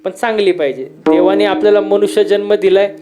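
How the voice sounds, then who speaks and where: A man's voice: high voice, steady tone, fairly quick. A man giving a humorous devotional kirtan sermon, telling stories with repeated refrains and quizzing the crowd for answers. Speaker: kirtan preacher.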